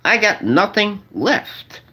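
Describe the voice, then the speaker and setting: A man's voice: high-pitched, sing-song, takes it slowly, background noise. A man in his forties rambling to his viewers in a casual monologue, repeating phrases over and over and using slang. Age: 40s. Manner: repetitive, restarts and repeats phrases; slangy, addresses viewers as y'all. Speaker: vlogger.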